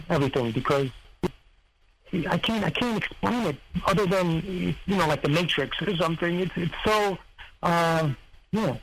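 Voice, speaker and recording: A man from Serbia who tells his story in a halting, rambling interview style, searching for words as he goes. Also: high voice, a little hiss or hum, poor audio. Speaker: guest, former heist crew member.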